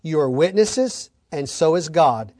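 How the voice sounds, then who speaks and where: A man's voice: a little high, expressive, measured pace, darkish tone. A man preaching an expository sermon, reading scripture aloud and then explaining it with folksy stories and asides.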